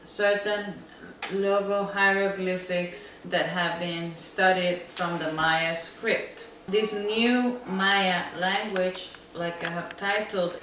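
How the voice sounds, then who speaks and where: A woman from Central America speaks slowly and thoughtfully in a fairly low voice, often pausing to find her words. She is recorded in an echoey room with the mic at some distance, and there is a faint hum of ambience behind her. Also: steady tone, fairly bright tone. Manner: slow and thoughtful, pausing with ums. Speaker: interviewed designer. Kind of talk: interview answers.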